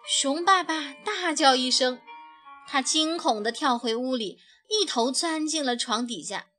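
A woman gently and expressively narrating a children's picture book. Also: sits high, unhurried. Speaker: storyteller. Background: soft background music.

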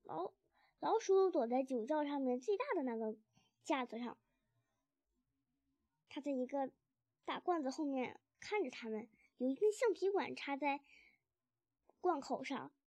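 A woman's voice: high voice, expressive, measured pace, long pauses, a little mellow, dry recording. Woman reading a children's story.

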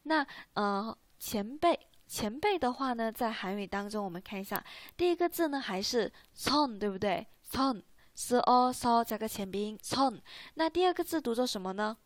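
Female teacher, slightly high voice, dry close sound, patient and repetitive. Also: animated, fairly quick, no echo. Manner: patient, repetitive, asks "right?" often. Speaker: Korean language teacher. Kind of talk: online language lesson.

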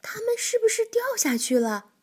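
A woman voicing an excitable young male frog in a children's storybook, shrill and gushing. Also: normal speed. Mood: eager. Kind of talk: storybook reading.

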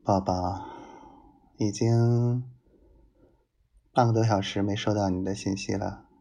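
A man delivering an intimate romantic monologue like a possessive, domineering lover, intense and at times breathy. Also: on the low side, steady tone, slow, mellow. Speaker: narrator of love monologues addressed to his wife.

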